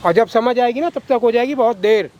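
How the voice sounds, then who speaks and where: A man's voice: very high voice, brisk, dark tone, muffled recording, slight background noise. A man playing a corrupt, coercive lawyer who talks down to a girl in a coaxing, threatening way. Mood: menacing. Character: corrupt scheming male lawyer, menacing and coercive. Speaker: villain in a short film.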